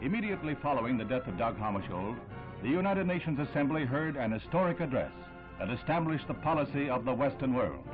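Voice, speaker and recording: A man's voice: mid-range voice, big pitch swings, fast. A man narrating an old newsreel in a solemn, emphatic, dramatic way. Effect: old newsreel sound. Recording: tinny old newsreel audio with music.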